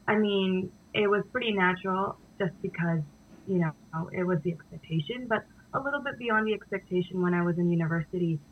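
Young woman from india, co-runs a dance company, lots of um's, kinda muffled lo-fi audio. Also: mid-range voice. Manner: thoughtful, with frequent "um" fillers. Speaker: dance company co-founder, guest. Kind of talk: interview answers. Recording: dull, lo-fi sound.

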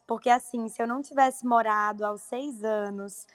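A young woman from Paraíba with her regional accent speaks in an interview. She talks earnestly with fillers, her voice a little high. The sound is dry and close. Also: fairly even intonation, normal speed, no echo. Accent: Paraíba Brazilian Portuguese. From Paraíba, Brazil. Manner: earnest, fluent, many fillers. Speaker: actress guest. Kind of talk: casual interview chat.

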